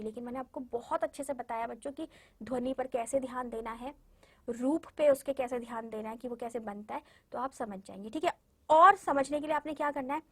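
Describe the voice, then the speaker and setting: A woman with a high-pitched voice leads a children's class. She breaks words into slow, careful syllables and speaks to the little ones directly, patient and encouraging throughout. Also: a bit bright, slightly rough. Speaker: primary school Hindi teacher. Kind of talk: online class lesson for young children.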